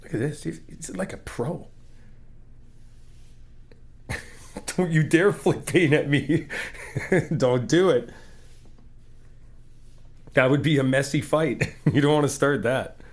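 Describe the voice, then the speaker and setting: A man with a slightly high voice speaks slowly, with long pauses, in an ASMR roleplay as the listener's friend. He is playful and encouraging, often laughing, and explains things calmly step by step.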